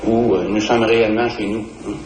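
A man's voice: lowish voice, flat delivery, brisk, darkish tone, a little hiss or hum. Earnest Quebec man in old street interview. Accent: Quebec French. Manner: earnest, defining his words carefully. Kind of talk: old vox pop interview. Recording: echoey, distant 1966 archive recording.

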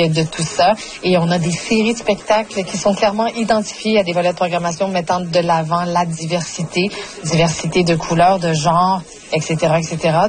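A woman answers interview questions in a measured way. Her voice sits a little low, and she comes back to the same stock phrases as she explains her festival's choices. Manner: measured, repeats set phrases. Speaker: comedy festival programmer.

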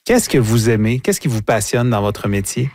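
Measured radio host. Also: male voice, medium pitch, lively intonation, a little mellow, dry recording, studio quality. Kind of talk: radio interview. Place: radio studio. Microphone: studio microphone.

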